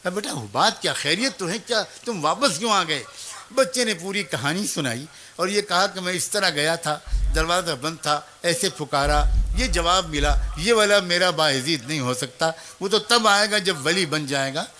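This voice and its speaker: Bright high-voiced male preacher. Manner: earnest, addresses mothers and youth directly; acts out the child, teacher and mother in the story. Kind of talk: storytelling sermon.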